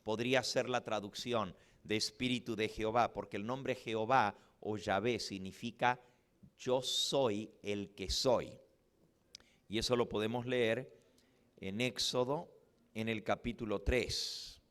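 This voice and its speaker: A man preaching a Bible study, reading scripture slowly and deliberately with rising emphasis. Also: on the low side, fairly even intonation, fairly bright tone, clear, resonant tone. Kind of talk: Bible teaching sermon.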